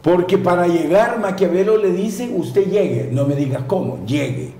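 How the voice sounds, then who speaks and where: Man, professorial political analyst, mellow tone, roomy studio sound. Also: high voice, animated, moderate pace. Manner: professorial, explaining, tag questions.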